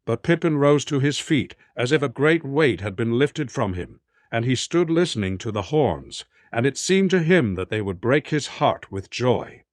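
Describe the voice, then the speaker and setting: A man narrating an audiobook in a steady, even storytelling manner. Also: mid-range voice, moderate pace, hardly any pauses, no echo, studio quality. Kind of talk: scripted narration.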